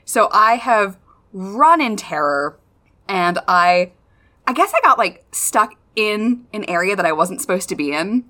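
Bright-voiced woman, silly and chatty. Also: mid-range voice, lively intonation, measured pace. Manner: silly, self-mocking, sweary. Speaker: podcast co-host. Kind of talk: casual chatty podcast storytelling.

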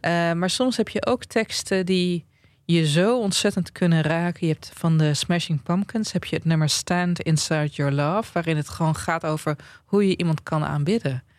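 A man's voice: on the high side, steady tone, normal speed, hardly any pauses, no room sound. A man co-hosting a podcast in casual chat, outspoken and playful, sometimes reading lyrics aloud. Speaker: podcast co-host.

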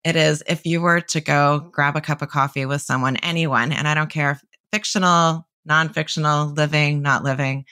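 Low-voiced enthusiastic woman podcast host. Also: steady tone, normal speed, few pauses, bright, forceful tone, no room sound, clean studio sound. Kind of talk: podcast interview hosting.

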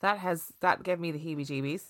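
A woman chatting casually on a podcast, reacting in an animated, expressive way. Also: deep voice, brisk, dry recording, clean studio sound.

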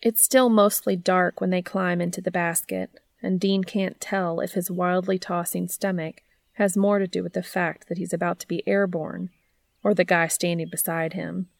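A woman narrating a romantic story in a steady, even-toned reading. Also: fairly low pitch, normal speed, gravelly, no echo. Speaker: audiobook narrator.

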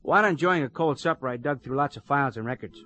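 An actor voices a cheerful middle-aged police partner who jokes and chatters easily. His voice sits at a middle pitch. It is a 1950s radio drama. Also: fast, sharp tone, dry recording, natural voice. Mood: chatty. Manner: chatty, joking, talkative.

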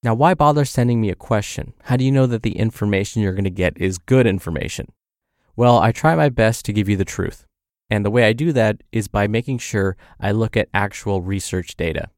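A man with a fairly low voice presents health advice in an upbeat, orderly way. He addresses the listener directly, like a host working through a prepared script. The sound is close and very dry, with hardly any room in it. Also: a little fast, dry recording. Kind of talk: scripted advice podcast narration.

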